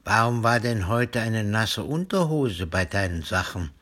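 A man voicing a caring mother in a storybook reading, with a gentle, reassuring manner. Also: lowish voice, lively intonation, a little slow. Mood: calm.

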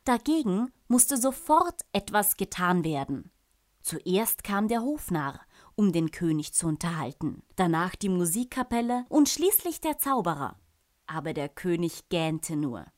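A woman reading a children's storybook aloud, calm and clear. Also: fairly low pitch, measured pace.

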